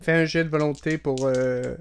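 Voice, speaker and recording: A man running a tabletop role-playing game as game master, narrating in a relaxed way with frequent hesitations. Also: a little high, normal speed, a little hiss or hum.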